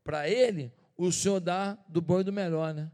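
Brief: man playing a resentful older brother, bitter and accusing, high and heated, church echo. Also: fairly even intonation, normal speed, a little mellow, natural voice. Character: resentful indignant older son. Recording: reverberant church hall.

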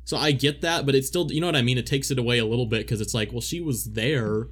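A man's voice: medium pitch, fast talker, a bit bright. Rambling male podcast co-host. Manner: rambling, many restarts and fillers. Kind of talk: casual movie discussion.

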